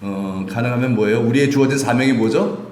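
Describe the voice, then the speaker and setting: A man's voice: mid-range voice, brisk, slight background noise. A male pastor preaching a sermon and leading prayer, often asking the congregation questions. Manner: animated, asks the congregation questions. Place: church sanctuary. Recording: echoey church hall with faint music.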